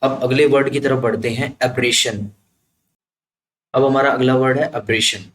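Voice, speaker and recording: A man's voice: mid-range voice, steady tone, moderate pace, fairly bright tone. A man teaching vocabulary with memory tricks, explaining step by step and checking understanding as he goes. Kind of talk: explanatory lesson with mnemonics. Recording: echoey room, faint ambient noise.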